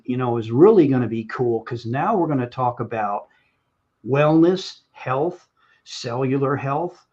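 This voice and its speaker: A man's voice: medium pitch, a little mellow. Man co-host with dull lo-fi sound. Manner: upbeat, says "you know" often. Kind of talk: show introduction. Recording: dull lo-fi audio.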